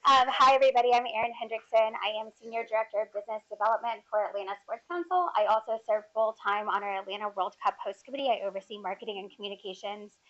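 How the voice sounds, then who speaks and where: A woman's voice: medium pitch, quick pace, hardly any pauses, fairly bright tone. Woman panelist, chatty and upbeat, a bit out of breath, lo-fi dull audio. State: short of breath. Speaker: panelist, sports council director. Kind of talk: conference panel introduction. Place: conference room.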